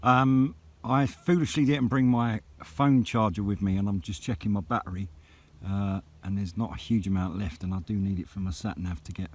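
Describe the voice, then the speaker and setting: Outdoors on a hilltop, a man chats casually as a vlogger and CB radio hobbyist, mixing vlog talk with radio exchanges. His voice is on the low side and steady, at normal speed with hardly any pauses.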